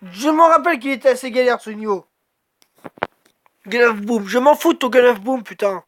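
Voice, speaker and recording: Swearing gamer man, excitable commentary. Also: very high-pitched, moderate pace, faint music behind. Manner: swears a lot, excited exclamations, talks to himself. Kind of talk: let's play commentary.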